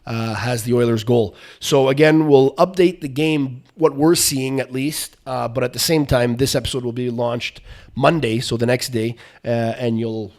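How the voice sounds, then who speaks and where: A male podcast host in casual sports chat, with a voice of ordinary middle pitch. He rambles loosely and drifts from one topic to the next. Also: normal speed, darkish tone.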